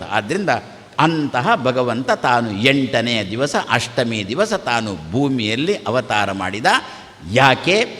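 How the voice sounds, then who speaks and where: A man giving a devotional sermon, asking rhetorical questions and answering them himself in a steady listing cadence. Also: in a large hall. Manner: acts out quoted exchanges with shifting pitch. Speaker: religious teacher giving a discourse.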